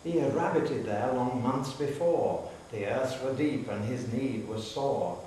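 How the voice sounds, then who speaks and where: In a public hall, a man with a mellow, mid-range voice gives an unhurried, dramatic recital of narrative poetry. He is picked up by a distant microphone, and the very echoey room adds a faint hiss to the recording.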